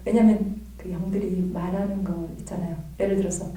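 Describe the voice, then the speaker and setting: A woman's voice: lowish voice, flat delivery, a little fast, warm tone. A woman giving a classroom lecture at a theology institute, talking conversationally and often checking in with her listeners. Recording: roomy, from a distance.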